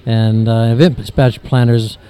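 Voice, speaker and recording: A man with a mellow, dark voice answers interview questions. His sentences run long and wind around as he rephrases. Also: mid-range voice, flat delivery, normal speed, clean tone. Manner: long winding sentences with restarts. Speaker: photographer guest.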